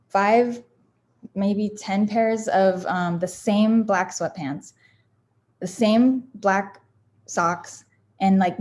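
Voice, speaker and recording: A founder with a mid-range, slightly mellow voice gives an informal motivational talk about affirmations. She speaks candidly and rambles, often restarting and using fillers.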